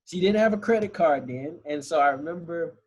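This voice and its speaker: Husky-voiced man, relaxed and laughing. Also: on the high side, a little fast, dull audio. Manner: relaxed, laughs easily, storytelling. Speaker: guest. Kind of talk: casual conversation.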